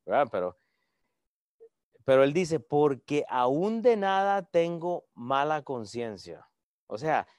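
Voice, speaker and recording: A man's voice: a little high, no room sound, studio quality. A man preaching a conversational sermon to an online audience, reading verses aloud and joking with viewers. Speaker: pastor.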